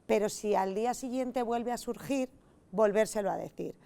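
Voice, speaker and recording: Gravelly-voiced woman giving calm advice. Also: a little high, moderate pace. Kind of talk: casual panel chat.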